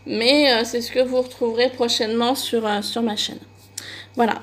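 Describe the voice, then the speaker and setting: A woman's voice: fairly high pitch, steady tone, moderate pace. A woman chatting casually in a shopping haul video for her crafting channel, with frequent hesitations and fillers. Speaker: crafting vlogger.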